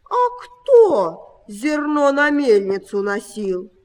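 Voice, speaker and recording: A woman's voice: a little high, big pitch swings, takes it slowly, a little mellow, long reverb tail. A woman voicing a hardworking, patient male rooster in a storybook reading. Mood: questioning. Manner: calling out, patient questioning.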